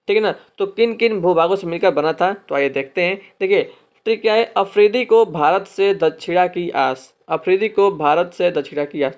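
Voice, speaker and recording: A man teaching an exam-prep lesson, explaining memory tricks and checking in with listeners after nearly every phrase. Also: high-pitched. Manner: explains mnemonic tricks, repeats "ठीक है ना" often; addresses viewers as friends, drawn-out repetitions of key phrases.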